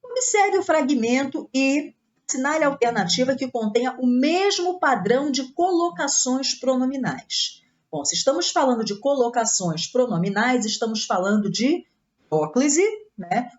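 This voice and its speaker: A woman's voice: high voice, expressive, moderate pace, highs cut off. A Brazilian woman teaching Portuguese grammar in an exam-prep lesson, explaining each step and checking in with her students as she goes.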